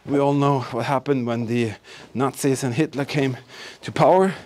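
With a medium-pitched, slightly mellow voice, fairly even intonation, and a moderate pace, a history channel host narrates to the camera on a walk through a forest and ruins. He sounds enthusiastic and emphatic, repeating words as he goes.

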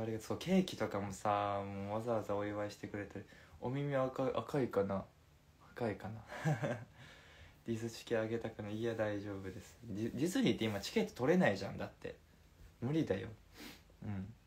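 A man in his twenties hosting a casual phone livestream, answering viewers' comments in a playful, chatty way and giggling between remarks. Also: fairly low pitch. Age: 20s. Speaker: livestream host.

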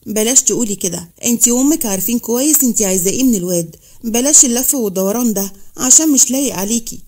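A woman's voice: a little high, expressive, racing, mellow. A woman with an Egyptian accent voicing a stern middle-aged father who scolds in a harsh, accusing way. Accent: Egyptian Arabic.

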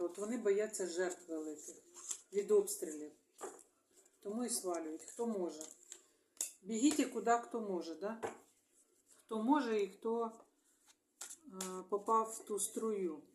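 A Ukrainian woman, a tarot reader, talking alone to her viewers in a halting way, thinking aloud and murmuring small agreements to herself. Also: medium pitch, darkish tone, a little hiss or hum. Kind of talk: solo video monologue. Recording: echoey room.

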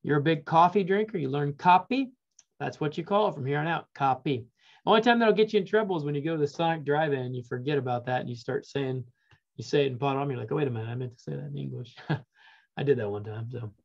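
A man, teaching an online language class. He drills vocabulary slowly and repeats it, then adds relaxed, joking asides. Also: on the high side. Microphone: video call. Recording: dull lo-fi video call audio.

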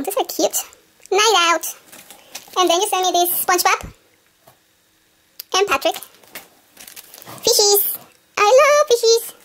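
A woman hosting a craft channel, excitedly unboxing a gift box at home and gushing over each item with many exclamations. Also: very high voice. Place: at home at a table.

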